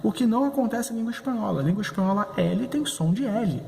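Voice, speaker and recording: A Brazilian man teaching a recorded class, explaining slowly and often checking in with "né?". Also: high voice, lively intonation, gravelly, a little mellow, roomy sound, long reverb tail. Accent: Brazilian Portuguese. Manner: didactic, frequent "né?" checks, spells out sounds slowly. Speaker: Spanish teacher. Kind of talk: recorded online class lecture.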